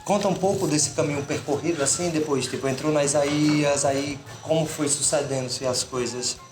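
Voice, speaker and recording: A man's voice: a little high, steady tone, moderate pace. Casual male interviewer, echoey room. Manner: eager, casual, short affirmations. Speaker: interviewer, host. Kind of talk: friendly interview. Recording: echoey room with music behind.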